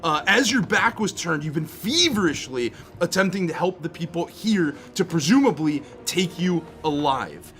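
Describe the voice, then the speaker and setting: Higher-voiced man narrating as game master. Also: animated, a bit bright. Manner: halting, piecing descriptions together. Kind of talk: improvised tabletop game narration. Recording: music behind the voice.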